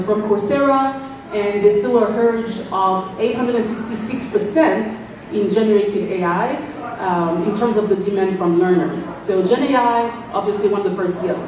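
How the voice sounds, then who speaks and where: Woman on an echoey panel. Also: medium pitch. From France. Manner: fluent, businesslike, fast bursts with fillers. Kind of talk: panel talk. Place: event space. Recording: echoey room, mic from far off, faint noise.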